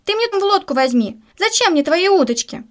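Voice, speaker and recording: A woman voicing a grumpy, impatient male fisherman in a storybook who scolds and shouts. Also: very high-pitched, big pitch swings, brisk, pitched above the performer's own voice. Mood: grumbling.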